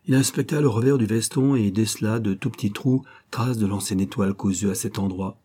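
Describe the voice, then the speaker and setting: A man reading a novel aloud as the narrator, in a steady, measured way. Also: lowish voice, slightly rough. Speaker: audiobook narrator. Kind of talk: scripted narration.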